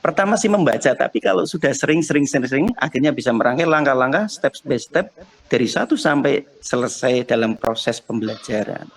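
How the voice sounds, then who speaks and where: A man's voice: medium pitch, expressive, fairly quick. Polite earnest man with lilt. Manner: polite, earnest, explaining his goals. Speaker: primary school teacher being coached. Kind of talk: coaching conversation practice.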